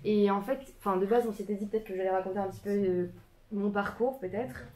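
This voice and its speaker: A woman's voice: mid-range voice, fairly even intonation, quick pace, a little mellow. Hesitant young woman talking to a group. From France, Paris suburbs. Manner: hesitant, many fillers and restarts, self-conscious laughter. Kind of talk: informal talk to a small group. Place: small community centre room. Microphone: filmed by a camera.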